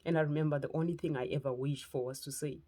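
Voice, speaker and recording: A woman's voice: deep voice, steady tone, fast talker, dark tone. Earnest woman with a Zimbabwean accent. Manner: earnest, heartfelt, speaking in short phrases. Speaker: motivational speaker and lifestyle preacher. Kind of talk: personal testimony talk.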